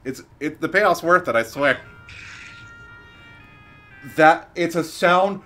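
A man playing a game on stream, cracking crude jokes in casual commentary and sometimes bursting into shouts. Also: on the high side, slow, faint music behind. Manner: crude joking, sudden shouted outbursts. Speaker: let's play streamer.

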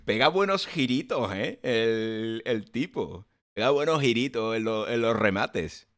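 A man's voice: mid-range voice, lively intonation, unhurried, slight background noise. A young man with a Spanish accent from Spain, chatting bluntly and with exasperation while reacting live to a comedy show. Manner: blunt, exasperated rambling with restarts. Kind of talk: casual live-stream commentary.

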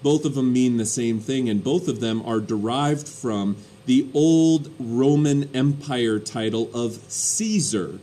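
A male history teacher giving a recorded lecture in a conversational way, often pausing with ums and uhs. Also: mid-range voice, warm tone.

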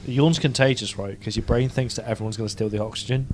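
A man's voice: mid-range voice, steady tone, a little hiss or hum. A man co-hosting a podcast, telling stories with swearing in casual banter. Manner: quick, swearing, storytelling. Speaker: podcast co-host. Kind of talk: casual banter among friends.

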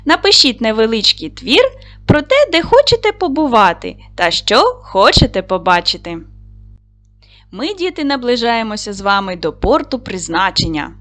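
A woman's voice: on the high side, sing-song, normal speed, a bit bright. A woman teaching a recorded lesson to young schoolchildren, asking them questions, answering them herself and praising them often.

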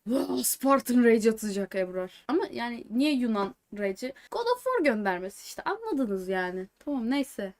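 A woman streamer chatting live to her viewers while watching a match, with excitable reactions and joking asides that mix in English words. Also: on the high side, normal speed, few pauses. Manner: excitable, swings between joking chatter and anxious outbursts.

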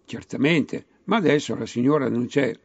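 A man acts out a tall, polite saleswoman in a comic tale in dialect. The patter is courteous and relentless, product after product. The voice is creaky, on a slightly dull recording. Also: moderate pace, no room sound, lightly acted. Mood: insistent, courteous. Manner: polite, recites product lists like a sales pitch. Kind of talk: comic storytelling, acted dialogue.

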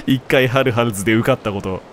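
Young man, game commentary, casual, low asides, chuckling. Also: a bit bright, a little hiss or hum.

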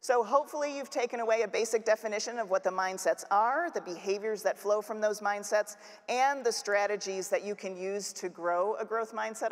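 Woman, keynote speaker, chatty delivery with restarts, echoing conference hall. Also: mid-range voice. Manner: conversational, with fillers and restarts. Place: large conference hall stage. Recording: hall reverb.

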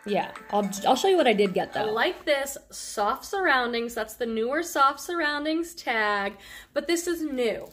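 Faint music plays behind a high-pitched, animated woman speaking at normal speed with a somewhat bright tone. Middle-aged and Boston-raised, she shows off clothing from a thrift haul with chatty enthusiasm, a light Boston accent surfacing on a handful of words.

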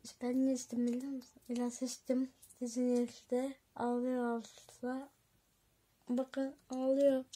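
A woman vlogging casually to her viewers, chatty and excitable, giggling often. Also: sits high, measured pace. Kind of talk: casual vlog chat to viewers.

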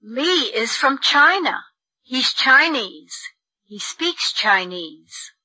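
A woman reads lesson sentences slowly and precisely in a bright, slightly high voice. The recording is dry, with no room sound. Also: big pitch swings, breathy edge, no room sound, rough recording. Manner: slow, precise enunciation for learners. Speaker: textbook audio reader. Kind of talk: slow, clear textbook reading.

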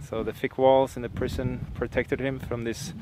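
A man's voice: medium pitch, little pitch movement, moderate pace. Man vlogging on a hike, noisy outdoors. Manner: explains while searching for words. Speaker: sailing vlog host. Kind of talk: casual vlog chat.

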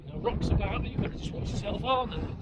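A man's voice: high-pitched, animated, fast. A middle-aged man talking casually to a handheld camera while jogging on an open mountainside, giving running commentary. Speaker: running vlogger. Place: outdoors on a windy open mountainside. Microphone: handheld camera at arm's length. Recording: loud wind and outdoor noise.

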